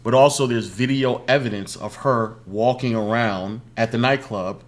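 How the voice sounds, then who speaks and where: A man's voice: medium pitch, moderate pace. A man hosting a casual reaction chat, recounting events step by step with many fillers and restarts. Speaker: reaction channel host. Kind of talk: casual group commentary.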